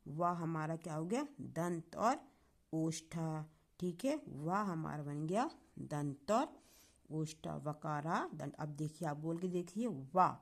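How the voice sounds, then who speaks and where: A woman teaching a grammar lesson online, explaining patiently, sounding out syllables slowly and asking the class questions. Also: deep voice, animated, gravelly.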